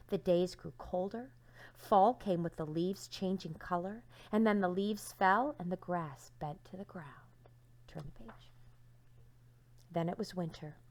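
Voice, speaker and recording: A woman teacher with a mid-range voice reads a storybook aloud to young children. She's dramatic and expressive, dropping into hushed phrases and asking her listeners questions.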